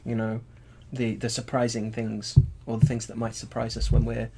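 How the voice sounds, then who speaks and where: A man's voice: mid-range voice, monotone, moderate pace, darkish tone, a little hiss or hum. A man co-hosting a casual scholarly chat, wordy and digressive, with frequent restarts and dry wordplay. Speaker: podcast co-host.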